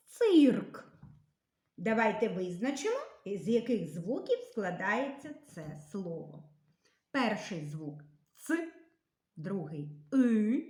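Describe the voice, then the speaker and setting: A woman teaching a reading and writing lesson to young children, speaking slowly and clearly with encouragement. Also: medium pitch, roomy sound. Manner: slow, clearly articulated, encouraging.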